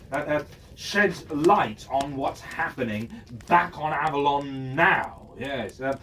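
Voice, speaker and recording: Heard from a distant mic with faint background noise, a slightly high, fairly bright male voice tells a fantasy story in character. He's chatty and musing, often putting questions to himself aloud.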